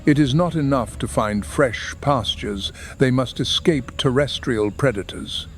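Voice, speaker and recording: A man narrating a scripted nature documentary in a measured, dramatic delivery. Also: mid-range voice. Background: background music.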